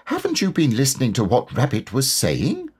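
A man's voice: medium pitch, huge pitch swings, normal speed, darkish tone, husky, voice pushed up. A man voicing a small, timid piglet in a storybook, earnest and questioning, with a doubtful air. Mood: reproachful.

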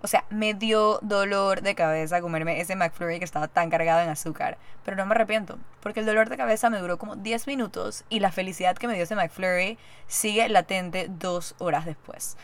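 A young woman hosting a podcast, telling a story in a chatty, animated way and acting out the lines she quotes. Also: medium pitch, fairly quick, few pauses. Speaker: podcast host. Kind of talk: casual storytelling monologue.

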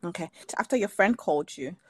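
A woman hosting a podcast interview, talking in an animated way, repeating words and exclaiming often. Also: fairly low pitch, brisk, husky, dry recording. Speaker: podcast host.

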